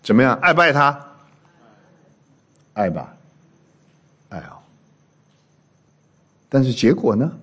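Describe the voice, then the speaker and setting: Male pastor preaching, husky voice bouncing all over the place, jokey, keeps quizzing the crowd. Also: mid-range voice, slow, pauses often. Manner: animated, joking storyteller who quizzes the congregation. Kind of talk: sermon.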